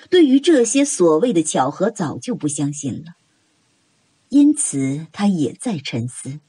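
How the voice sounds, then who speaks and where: A woman narrating a novel audiobook in an expressive, dramatic storytelling manner. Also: lowish voice, slightly rough, dry recording.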